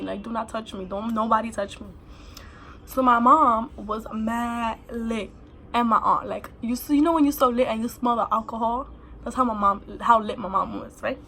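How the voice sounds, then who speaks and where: A woman's voice: on the high side, a bit bright, a little hiss or hum. A young woman telling a personal story in a casual, blunt, profane way, acting out what others said. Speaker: vlogger.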